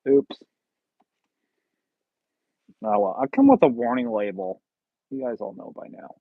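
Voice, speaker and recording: A man's voice: medium pitch, huge pitch swings, unhurried, gravelly, breathy edge, no room sound. Guy in his 30s rambling and cracking jokes on a live stream, tinny phone-ish sound, super dry. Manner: jokey, rambling, self-teasing. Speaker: livestream host. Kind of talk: casual livestream chat with viewers.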